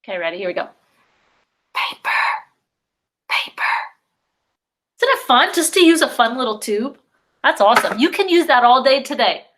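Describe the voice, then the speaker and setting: A woman preschool teacher leading a virtual circle time for young children, talking slowly and drawing out words in a sing-song way. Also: on the high side, sing-song, fairly bright tone.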